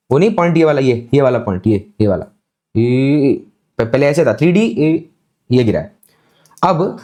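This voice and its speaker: Man, physics lecture, slow deliberate explaining, fairly high voice. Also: a little mellow. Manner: slow, deliberate explaining with frequent check-ins. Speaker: physics teacher.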